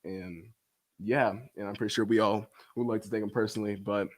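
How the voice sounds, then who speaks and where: A man's voice: lowish voice, steady tone, brisk. A young man emceeing a community event, casual and grateful as he introduces the next speaker.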